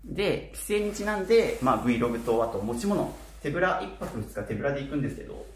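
Young man with mouthguard-slurred speech, lively pitch. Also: brisk. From Kitakyushu, Japan. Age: 20s. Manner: slightly slurred articulation from a mouthguard-style orthodontic aligner. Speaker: vlogger. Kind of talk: casual talk to camera. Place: small bare apartment room, indoors. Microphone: camera a short distance away. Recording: roomy echo with faint noise.

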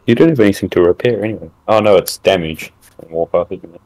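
A man plays the opponent in a card game and calls out his moves in short, dry, matter-of-fact phrases. His voice is low and gravelly, and he speaks slowly. The sound is close and dry. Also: a little mellow, no room sound. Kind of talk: terse game callouts.

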